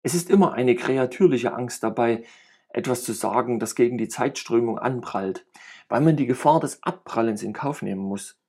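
Male reader voicing calm didactic grand master, husky, audiobook. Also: medium pitch, moderate pace. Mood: earnest advice. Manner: didactic, advising.

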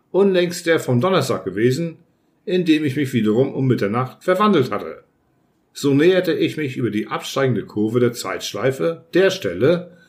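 A man narrating an audiobook in the first person, telling the story with lively acted shouts. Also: mid-range voice.

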